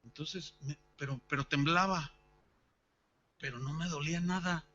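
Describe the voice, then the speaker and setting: A pastor preaches at a church service, bringing a personal story to life by acting out its dialogue. His voice sits high and bright. The recording is a little dull, with a faint hum underneath. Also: moderate pace.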